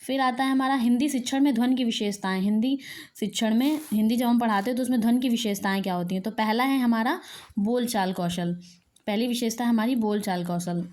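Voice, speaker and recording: A woman's voice: on the high side, fast talker, darkish tone. A woman teacher giving an exam-prep lecture, reading each point aloud and then explaining it again in plain words.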